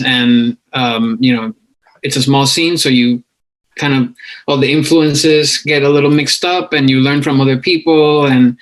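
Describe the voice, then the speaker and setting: A man from Puerto Rico, a band member, speaking in a laid-back, unhurried way during a Q&A. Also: mid-range voice, fairly bright tone, low-quality recording. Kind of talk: casual Q&A answer.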